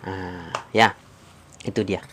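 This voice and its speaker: A man's voice: deep voice, steady tone, slow pace, a bit bright. A man teaching Quran recitation rules on a live stream, repeating points and quizzing his viewers. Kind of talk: live-stream tajwid lesson.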